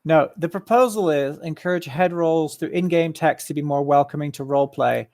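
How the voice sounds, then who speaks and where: A man at an online community meeting, explaining his views in a measured way with frequent ums. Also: on the high side, darkish tone, no room sound, studio quality. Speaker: staff member at a community meeting. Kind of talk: casual voice chat.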